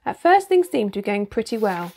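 A woman reading a children's storybook aloud, with steady, expressive narration. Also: mid-range voice, brisk, creaky. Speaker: reader.

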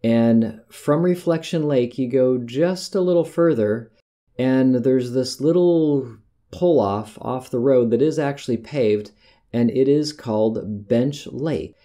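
A middle-aged American man, a podcast host, rambles casually about hiking in a slow, mellow voice of medium pitch. He often corrects himself mid-sentence as the conversational monologue wanders along.

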